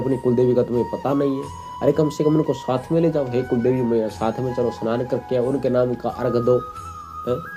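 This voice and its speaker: Man, devotional host, preachy, scolding, exhorting, mid pitch, background music. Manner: scolding, exhorting, calls listeners fools. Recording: music playing underneath.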